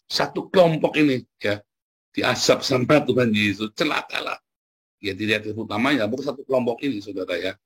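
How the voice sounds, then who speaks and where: A man's voice: mid-range voice, breathy edge. A male pastor giving a chatty sermon, often calling out to his listeners and chuckling. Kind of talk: conversational sermon.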